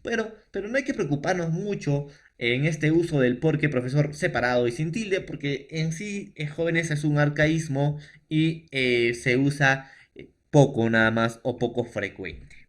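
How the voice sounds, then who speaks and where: A man's voice: on the high side, animated, measured pace. A middle-aged man from Peru, speaking with a Peruvian Spanish accent, teaching a lesson to young students. He explains patiently and repetitively, with frequent fillers and tag questions. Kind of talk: remote classroom lesson.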